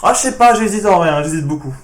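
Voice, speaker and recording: A man runs through viewer questions with dry, sarcastic answers, keeping his voice hushed. His voice sits a little high, and the room around him sounds echoey. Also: lively intonation, quick pace. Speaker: YouTuber answering fan questions. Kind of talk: casual Q&A vlog.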